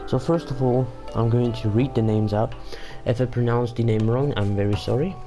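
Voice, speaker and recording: Music plays in the background as a young man, a native Afrikaans speaker, comments on his gameplay for YouTube. His medium-pitched voice stays steady at a moderate pace, though his talk wanders, with frequent fillers and false starts.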